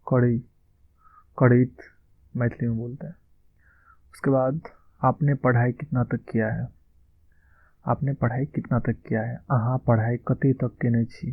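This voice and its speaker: Man teaching slowly over tinny audio. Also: mid-range voice, husky, dry recording. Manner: slow, careful model sentences with repeated words. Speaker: language teacher. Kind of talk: spoken language lesson. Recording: dry, tinny phone-like sound.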